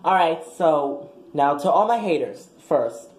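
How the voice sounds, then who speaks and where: A man's voice: on the high side, lively intonation, unhurried, slight background noise. A man voicing a brash, foul-mouthed young woman graduate giving a crude, combative speech in a comic skit. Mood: sassy. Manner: crude, combative, trash-talking. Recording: echoey room.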